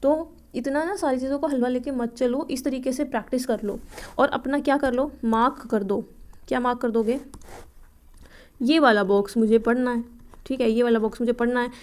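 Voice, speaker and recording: A young woman with a clear, smooth, slightly high voice walks through physics problems one step at a time. She reads the English question text slowly, word by word, and keeps checking in with the listener before moving on. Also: steady tone, darkish tone. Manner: repeats checks like "ठीक है" and asks herself questions before answering. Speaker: physics tutor for nursing entrance exams. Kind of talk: explaining exam problems step by step.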